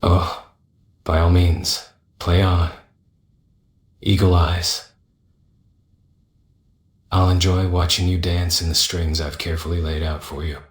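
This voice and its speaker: A man voicing a scheming, mocking mercenary companion in a fantasy game, sardonic and condescending, with drawn-out taunts. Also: low-pitched, little pitch movement, reverberant. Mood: smug menace.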